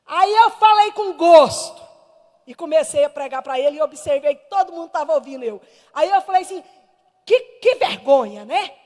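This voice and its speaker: A Brazilian woman missionary giving a Sunday school sermon with a personal testimony, telling it with fervent emphasis that swings between hushed and loud. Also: high voice, brisk, long reverb tail. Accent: Brazilian Portuguese. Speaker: missionary preacher. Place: church hall.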